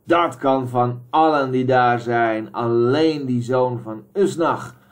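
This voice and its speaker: A man voicing a proud, wrathful king who speaks in a loud, slow, declamatory way. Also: mid-range voice, close to an everyday voice. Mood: furious.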